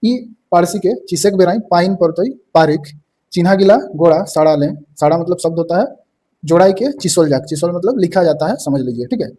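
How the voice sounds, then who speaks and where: A man's voice: high-pitched, animated, brisk, warm tone. A young man from teaching an exam-prep lesson, explaining each term and saying "ठीक है" again and again.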